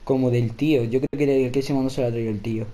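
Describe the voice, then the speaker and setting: A man's voice: mid-range voice, steady tone, racing, warm tone, a little hiss or hum. A man with a Spain Spanish accent chatting casually and exclaiming while he comments on a video game. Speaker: gameplay commentator. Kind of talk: casual chat over gameplay.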